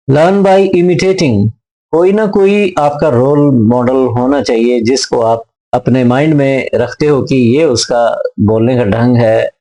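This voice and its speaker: Male teacher, mellow tone, reads each tip slowly, then explains and repeats it. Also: medium pitch, rough recording. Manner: repeats points in several words. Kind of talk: lecture on speaking skills.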